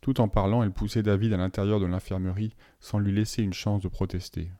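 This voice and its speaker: Man narrating audiobook, low voice, mellow dark tone, calm and measured. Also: no room sound, clean studio sound. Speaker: audiobook reader.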